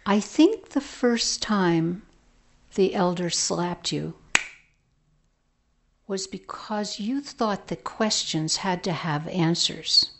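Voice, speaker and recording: A woman storyteller voicing a kindly, wise man who speaks gently, slowly and thoughtfully. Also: lowish voice, slight background noise.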